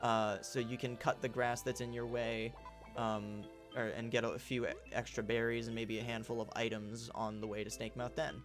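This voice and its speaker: A man talks through a video game livestream in a loose, meandering way, doubling back and filling pauses with uh. His voice sits at an ordinary pitch. Soft music plays faintly behind him. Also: level tone. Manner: rambling, filler-heavy explaining. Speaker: game streamer. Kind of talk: casual gameplay commentary.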